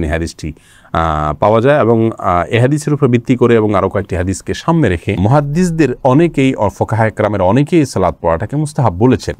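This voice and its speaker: A man's voice: on the low side, no echo. A middle-aged man, an Islamic scholar, reading out viewer questions and answering them one by one in an explanatory way. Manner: reads each question then answers calmly, explanatory. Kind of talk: live Q&A religious answers.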